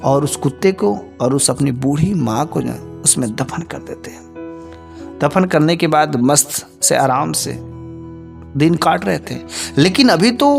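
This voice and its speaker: A man narrating a devotional moral story in a plain, unhurried way, with frequent filler phrases. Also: fairly high pitch, vocal fry.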